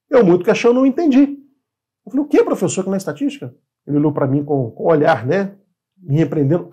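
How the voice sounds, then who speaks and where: Man, 50s, from Brazil, teacher, dark tone, talks through questions himself. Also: high voice, breathy edge. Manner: conversational, asks and answers his own questions. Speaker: real estate appraisal instructor. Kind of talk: informal online lesson.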